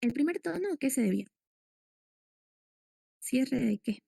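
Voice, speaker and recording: A woman teaching a medical class, explaining step by step and putting questions to her students. Her voice sits a little high, with a gravelly edge and a mellow, dark tone. The sound is dry and close. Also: animated, measured pace, no room sound. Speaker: lecturer. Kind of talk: medical lecture.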